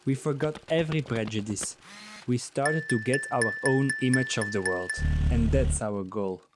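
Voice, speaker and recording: A young man, calmly narrating a travel vlog voice-over. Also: medium pitch, normal speed. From Belgium. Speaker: travel vlogger. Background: music.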